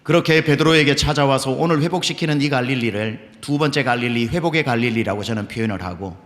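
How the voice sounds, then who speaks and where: A man's voice: medium pitch, fast talker, fairly bright tone. Fervent male pastor, long church echo. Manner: fervent, storytelling preaching. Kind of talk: sermon. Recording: long reverb of a large church.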